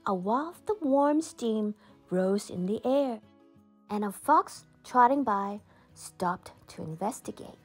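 A woman with a husky voice on the high side reads a children's picture book aloud as a storyteller. Her phrasing is expressive, dramatic and deliberate.

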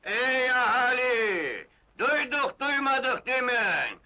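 A village town crier from an old film. He proclaims in a very high, forceful voice with a slow, stretched delivery. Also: big pitch swings, full character voice. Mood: proclaiming. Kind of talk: old Turkish film acting.

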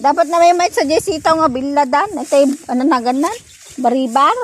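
A woman's voice: sits high, a little fast. A middle-aged woman vlogging casually outdoors in a rural yard, chatting to viewers and her dog, recorded on a phone. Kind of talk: casual vlog chat. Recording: faint outdoor noise.

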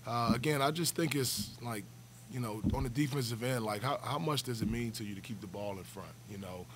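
A man in his forties, a basketball coach, answers postgame press conference questions while seated at a table before a backdrop in a press room, speaking into a table stand mic. His mid-range voice moves fairly quickly, and he sounds earnest, often repeating words as he restarts. The recording is rough, with slight background noise.

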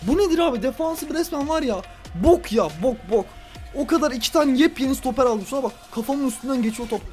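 A man giving let's play commentary on a football video game, ranting at the referee and swinging between loud outbursts and low grumbling. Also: fast talker. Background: faint background music.

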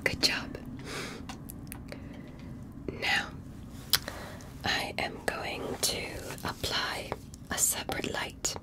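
Very slowly and with frequent pauses, a woman whispers breathily as a careful examiner in an ASMR medical roleplay. She gently gives instructions step by step along with reassurance.

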